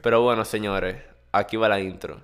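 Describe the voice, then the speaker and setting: A man's voice: fairly low pitch, fairly even intonation, normal speed, clean tone. A man with a Dominican accent chatting casually as a co-host, slangy and teasing. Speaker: podcast co-host. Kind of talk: casual bantering chat.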